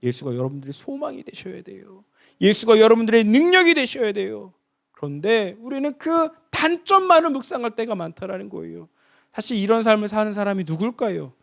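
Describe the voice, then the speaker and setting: A young man delivers a sermon in a high, bright voice that leaps up and down in pitch. He is dramatic and impassioned, acting out cries and shouts, then falling suddenly quiet. The delivery is lively and theatrical. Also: brisk, gravelly. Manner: dramatic, acts out quoted cries with sudden loud high shouts and hushed drops. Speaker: junior pastor.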